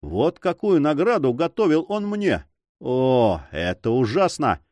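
A proud forester with a fierce sense of honor, bursting out in passionate exclamations, as a male reader puts him on. His voice swings widely in pitch, and the sound is close and dry. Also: very animated, moderate pace, a little mellow, no echo, natural voice. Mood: outraged. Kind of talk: audiobook character reading.

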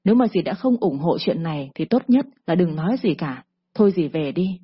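A woman's voice: fairly low pitch, lively intonation, fairly quick, husky, dull audio. A firm, determined mother, voiced by a woman. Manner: firm, decisive.

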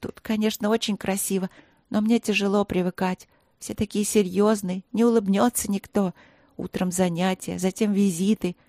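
A woman voicing a cheeky, chatty young princess in an audiobook, teasing and quick to chatter. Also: mid-range voice, fairly even intonation, a little mellow, no echo, studio quality, pitched above the performer's own voice, close to an everyday voice. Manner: bubbly, teasing, rapid chatter. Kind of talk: audiobook character voice.

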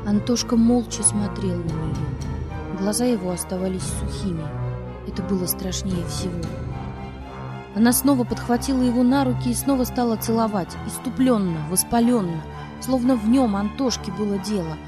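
A woman reading a novel aloud as an audiobook, expressive and acting out the dialogue. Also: mid-range voice, normal speed, over music. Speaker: audiobook narrator.

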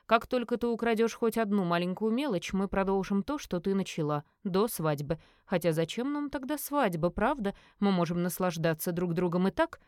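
A woman voicing a smug, teasing young man in an audiobook, in her own mid-pitched voice. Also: lively intonation, moderate pace, hardly any pauses, a little mellow, clean tone, no room sound, clean studio sound, close to an everyday voice.

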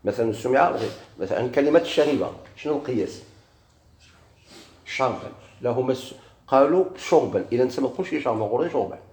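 Moroccan-accented male teacher, mid pitch, repeats key words, recorded in an echoey room with faint background noise. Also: expressive, quick pace, a little mellow. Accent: Moroccan Arabic. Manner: asks questions and answers them himself, repeats key words. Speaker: grammar teacher. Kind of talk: classroom lesson on Arabic grammar.

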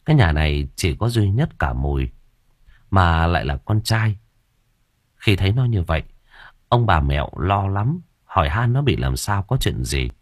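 A male storyteller reads an audiobook with a husky, low voice. His telling is dramatic, with a lot of rise and fall in pitch. The sound is close and dry. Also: very animated, moderate pace, no room sound. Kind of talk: audiobook narration.

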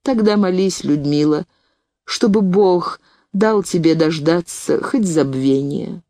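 A woman reading the part of a grieving, remorseful older spinster aunt, slow and anguished. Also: lowish voice, dark tone, no echo, studio quality. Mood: grave, consoling. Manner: anguished, self-reproaching, then grave and soothing.

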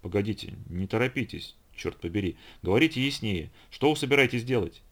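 A man's voice: medium pitch, expressive, fast talker, a bit bright. A man voicing a flustered older uncle in an audiobook reading, mumbling and stammering.

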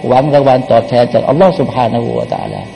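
A man's voice: mid-range voice, racing, creaky, dark tone. A male Quran teacher giving a sermon-style commentary, asking his listeners questions, answering them himself, and chanting verses in between. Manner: chants Arabic verses between plain explanations. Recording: long hall reverb, faint background noise.

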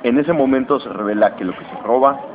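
Animated Mexican man retelling a comic. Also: medium pitch. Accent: Mexican Spanish. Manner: animated, slangy, acts out lines in quick voices. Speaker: comics podcast host. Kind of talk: casual chat retelling a comic plot. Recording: dull lo-fi recording with steady noise.

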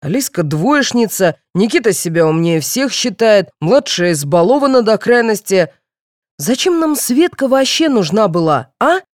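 A woman reading the part of a blustering, quick-tempered middle-aged father who scolds and shouts. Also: medium pitch, sing-song, no room sound, studio quality, pitched above the performer's own voice, natural voice. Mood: shouting.

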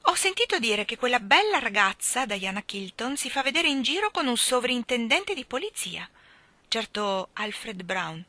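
A woman's voice: a little high, big pitch swings, moderate pace, bright, forceful tone, dry recording, voice pushed up, heavily acted. A woman voicing a club lady eagerly passing on rumors in a confiding tone.

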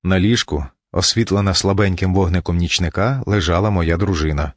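A man's voice: low voice, steady tone, fairly quick, no echo. A man narrating a first-person audiobook in a dry, ironic storytelling manner. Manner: dry, ironic storytelling with angry outbursts in dialogue.

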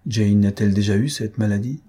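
A man's voice: on the low side, fairly quick, dark tone, husky. Man reading a desperate, urgent father. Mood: urgent, pleading. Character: agitated husband and father, pleading, desperate.

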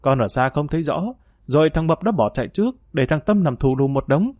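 A man's voice: fairly high pitch, lively intonation, a little fast, a little mellow, no room sound, clean studio sound, lightly acted. A man reading an audiobook, voicing a chatty young male lookout at a gambling den who tells his story in a rambling way. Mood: excited.

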